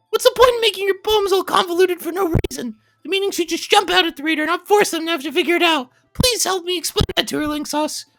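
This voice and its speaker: A bratty, blunt schoolgirl, as a man puts her on in a visual novel read-aloud. The voice is pitched very high, and every line comes out snappy and indignant. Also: vocal fry, fairly bright tone, dry recording, exaggerated voice. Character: feisty, blunt, bratty teenage girl.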